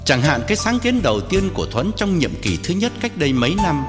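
A man narrating a story as an audiobook reader, expressive and swinging his pitch. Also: brisk. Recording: long hall reverb, guitar music behind.

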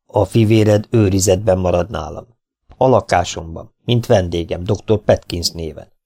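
A man reading the lines of a calm, unshakable lawman in an audiobook, firm and deliberate. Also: sits low. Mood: stern.

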